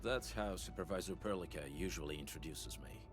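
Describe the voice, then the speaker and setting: Guy doing a deep composed military type in a game, polite and formal, music under it. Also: brisk, natural voice. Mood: composed, courteous. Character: composed, courteous, formal male soldier. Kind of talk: video game voice acting.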